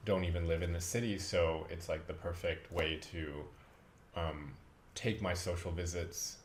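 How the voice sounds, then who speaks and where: A man chatting casually and unscripted for a vlog, rambling and halting, with self-deprecating asides. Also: deep voice, slight background noise. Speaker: vlogger.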